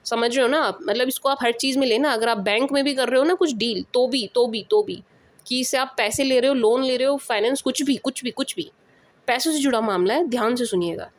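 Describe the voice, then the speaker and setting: A woman with an Indian accent giving a casual tarot reading, emphatic, often checking that listeners understand and calling them sweet pet names. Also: on the high side. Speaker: tarot reader.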